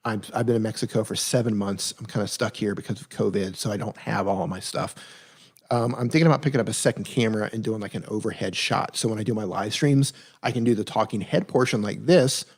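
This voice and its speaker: Speaking fast in a fairly low, slightly rough voice, this man hosts a casual live stream where he answers viewer questions. He reads each one out, then responds conversationally with blunt, practical advice, frequently revising himself partway through a sentence.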